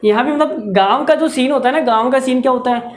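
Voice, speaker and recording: A man's voice: very high-pitched, fast, a little hiss or hum. A man teaching a maths video lesson, chatty and playful, breaking into jokes between the working steps. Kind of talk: video lesson with comic asides.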